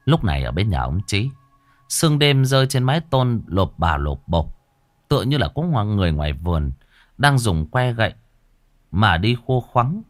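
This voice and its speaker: A man narrating a ghost story in a dramatic, lively way. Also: fairly low pitch, normal speed, no echo.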